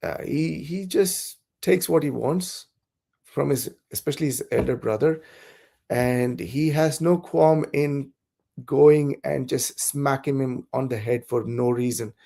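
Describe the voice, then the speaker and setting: This south Indian man, a native Malayalam speaker, chats casually as a podcast guest, hesitating and restarting frequently as he thinks. His mid-range voice is gravelly and warm, at a measured pace.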